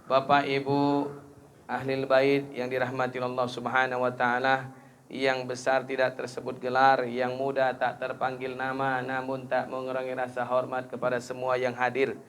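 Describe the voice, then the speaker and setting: Bright-voiced man preaching. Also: monotone, moderate pace, a little hiss or hum. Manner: rises to loud high-pitched emphasis, joking asides. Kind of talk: sermon.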